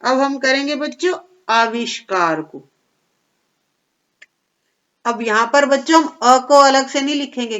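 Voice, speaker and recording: A woman teaching young children a worksheet step by step, patient and explaining slowly, often checking that they follow. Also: fairly high pitch, sharp tone, muffled recording.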